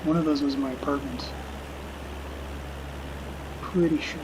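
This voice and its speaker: A middle-aged man streams himself playing a flight simulator, chatting casually and unscripted in a hesitant, musing way, like unhurried reminiscing. His voice sits slightly above average pitch and stays steady in tone, with a noticeable engine drone and general noise in the background.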